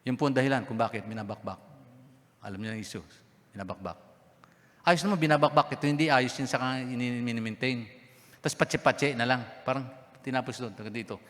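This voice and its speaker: A man's voice: medium pitch, brisk, a bit bright. A middle-aged man from the Philippines, a pastor, preaching a sermon and telling a personal testimony, with emotional storytelling and heartfelt prayer. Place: church sanctuary. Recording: reverberant church sanctuary.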